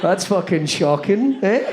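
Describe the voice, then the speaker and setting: Scottish bloke, slightly high voice, sweary jokey chat as a live podcast guest. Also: male voice, very noisy. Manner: sweary, joking. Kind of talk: casual banter at a live podcast. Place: live show on stage.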